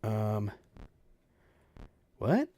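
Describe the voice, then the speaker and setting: A man's voice: on the low side, drawn-out words. A man hosting a retro computer stream, chatting casually and reacting while he plays a game. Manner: lively, chatty, exclaims while playing. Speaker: stream host.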